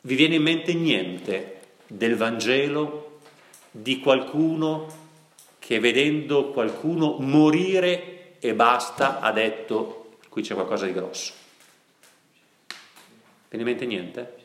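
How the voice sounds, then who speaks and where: A man preaching in a church, his voice ringing through an echoey hall. He tells a story and asks his listeners questions, slowing to a crawl on the key words. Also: medium pitch, animated, fairly bright tone. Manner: storytelling, asks the audience questions, slows down for emphasis. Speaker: priest. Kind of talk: sermon.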